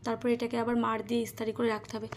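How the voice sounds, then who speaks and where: A woman's voice: fairly high pitch, completely flat delivery, very fast, heavy background noise. A woman, narrating her daily housework in a casual home vlog and talking straight to her viewers. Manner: chatty, talks straight to viewers while doing chores. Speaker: home vlogger. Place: at home, kitchen and rooftop.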